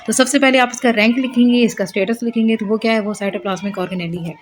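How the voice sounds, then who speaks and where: A woman's voice: on the high side, steady tone, quick pace, a little hiss or hum. A woman teaching biology at a whiteboard in a lecture style, explaining step by step, posing questions and answering them herself, and mixing English terms into her speech. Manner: mixes English terms into Hindi.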